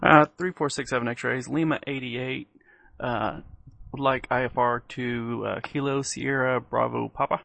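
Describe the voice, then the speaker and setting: A man speaking as a pilot on aviation radio, reading back clearances. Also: mid-range voice, fairly even intonation, a little slow, a bit bright, no room sound. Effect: aviation radio transmission.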